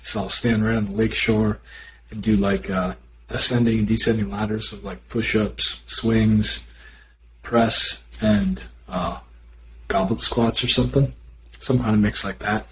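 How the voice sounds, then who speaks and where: A man's voice: fairly low pitch, steady tone, unhurried, slight background noise, low-quality recording. A man with a Minnesota accent co-hosting a fitness podcast in casual, joking, self-deprecating chat. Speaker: podcast co-host.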